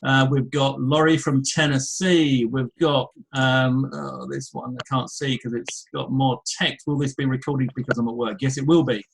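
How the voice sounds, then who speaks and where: A man from England with an English accent, hosting a live webinar and chattily reading out attendees' names with quick asides. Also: mid-range voice, fairly even intonation, gravelly, a little hiss or hum, rough recording. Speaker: webinar host. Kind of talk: casual live webinar welcome. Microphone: headphones with mic.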